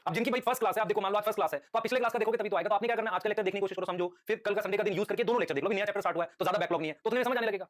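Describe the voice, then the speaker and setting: The lecturer, a man with a high-pitched voice, teaches live and keeps patiently testing his students through quick questions he repeats, referring to them as "beta."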